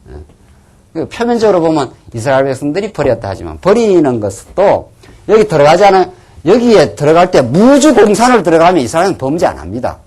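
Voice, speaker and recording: A man preaching a Bible lecture as a pastor, animated, sometimes dropping to a near-whisper for emphasis. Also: fairly high pitch, a little fast, husky. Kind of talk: sermon-style Bible lecture.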